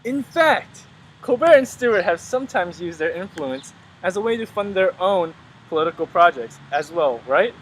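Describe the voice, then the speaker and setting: Young man, higher-pitched parody news reporter. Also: very animated, normal speed, slight background noise, low-quality recording.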